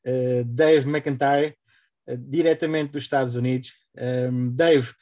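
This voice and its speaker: A man speaking as host, giving an informal welcome with halting, drawn-out hesitations. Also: medium pitch, fairly even intonation, dark tone. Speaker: host introducing a guest.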